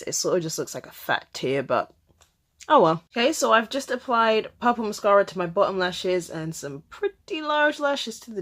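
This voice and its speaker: A woman vlogger talking through a makeup tutorial step by step in a chatty way, sometimes dropping to a soft murmur while she concentrates. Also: lowish voice.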